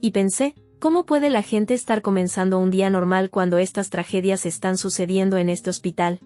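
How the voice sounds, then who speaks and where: Woman telling her own story in a voice-over, soft mellow tone, calm and steady, quiet guitar behind. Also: mid-range voice, normal speed. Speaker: narrator of a personal near-death testimony. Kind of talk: first-person testimony voice-over. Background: faint guitar music.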